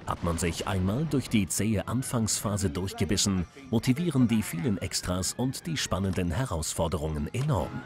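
A man narrates scripted game reviews. Music plays clearly behind him throughout. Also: low-pitched, lively intonation, moderate pace.

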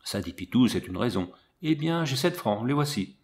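A man reading an audiobook, voicing a calm soldier who talks low and deadpan. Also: moderate pace, lightly acted. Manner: low, deadpan, matter-of-fact. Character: calm, dry-witted soldier, adult man.

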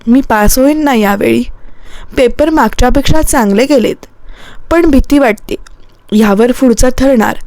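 A woman voicing a young married woman, speaking softly and earnestly. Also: fairly high pitch, dry recording, lightly acted. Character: young married woman, shy and worried student.

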